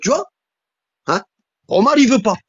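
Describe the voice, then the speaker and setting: A husky, insistent voice delivers a heated religious polemic and keeps hammering points home with repeated questions. The sound is dry and close, with a dull lo-fi quality. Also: mid-range voice, expressive, measured pace, no echo. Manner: insistent, repeats "hein?" and "tu vois?"; emphatic, repeats lines for stress.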